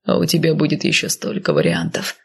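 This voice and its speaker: A woman voicing a grim, emotionless undead northerner in an audiobook, speaking in a flat, grumbling way. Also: low voice, fairly quick, vocal fry, breathy edge, voice pushed down, exaggerated voice. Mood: brooding. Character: cold lazy undead northern man, grim. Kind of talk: audiobook character voice.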